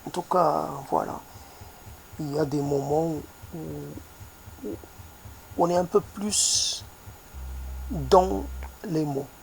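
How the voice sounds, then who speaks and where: A man with a noticeable accent, speaking softly in a reflective monologue, pausing often and searching for his words. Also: on the high side, fairly even intonation, gravelly, slight background noise. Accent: foreign accent in French. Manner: hesitant, searching for words, many fillers; soft-spoken.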